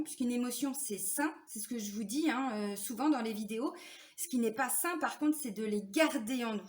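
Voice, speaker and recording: A woman working as a spiritual therapist, talking casually and confidingly to her viewers, full of fillers and tag questions. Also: on the high side. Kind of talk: casual talk to camera viewers.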